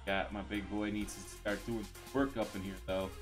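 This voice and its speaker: A man's voice: on the low side, flat delivery, normal speed, over music. A man streaming live, chatting casually and thanking viewers, rambling with many fillers and restarts.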